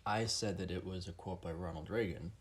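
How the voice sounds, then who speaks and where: A man with a very low voice chats casually as a podcast co-host. He teases his co-host in a dry, deadpan way and delivers jokes flatly. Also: fairly quick. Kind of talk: casual banter.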